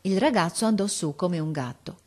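A woman narrating a storybook in a calm, measured way. Her voice sits on the low side, and her reading is clear and expressive.

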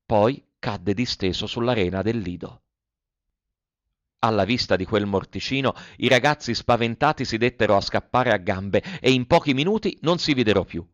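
A man's voice: lowish voice, moderate pace, no room sound. A man narrating a classic tale as an audiobook, telling it expressively. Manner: expressive storytelling, voices the characters. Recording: dry, slightly dull recording.

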